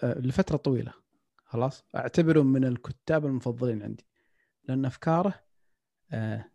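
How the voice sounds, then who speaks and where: On a laid-back podcast, a man talks reflectively, mixing in English phrases and frequently starting his sentences over. He speaks fast in a medium-pitched, creaky, dark-toned voice, with no echo.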